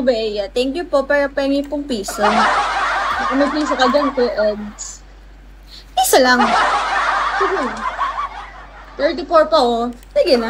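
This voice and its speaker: A woman hosting a casual livestream, with a playful, teasing manner, greeting viewers by name and chatting with them. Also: high-pitched. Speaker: livestream host. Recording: steady background noise.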